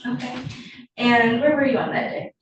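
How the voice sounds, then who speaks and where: A female prosecutor questions a witness formally and at a measured pace. The courtroom recording is heavily echoey and muffled, and she is heard from far off. Noise runs steadily beneath her voice. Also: a little high. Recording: echoey courtroom, distant mic, dull and noisy.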